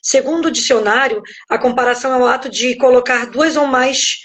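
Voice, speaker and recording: A woman's voice: sits high, brisk. Brazilian woman pastor teaching reflectively. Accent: Brazilian Portuguese. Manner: reflective, explains step by step, keeps checking in with "né?". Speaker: pastor and guest speaker. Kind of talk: devotional teaching on a live stream. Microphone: phone.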